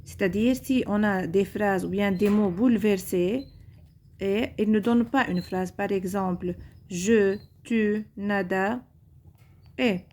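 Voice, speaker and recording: A young woman teacher giving a recorded grammar lesson to pupils, repeating each point in a slow, deliberate way. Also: mid-range voice, warm tone, a little hiss or hum.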